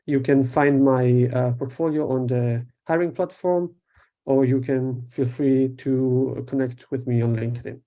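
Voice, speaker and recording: A man's voice: mid-range voice, fairly even intonation, unhurried, mellow, lo-fi sound. A man from Italy, presenting his student web project in a live online demo and explaining it step by step with frequent hesitations.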